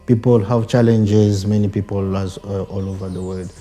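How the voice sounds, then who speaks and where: A young Benedictine monastic brother from the Democratic Republic of the Congo gives a reflective interview in a Congolese accent, hesitating, searching for words and often repeating phrases. His lowish, dark voice stays fairly even at a normal speed, with music playing in the background.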